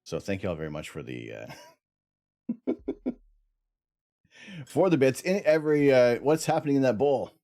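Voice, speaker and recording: A man hosting a live stream, chatting with viewers and thanking them, laughing and clearing his throat between bites of hot peppers. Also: mid-range voice, sing-song, moderate pace, pauses often, dark tone. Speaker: livestream host. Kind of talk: casual live-stream chat.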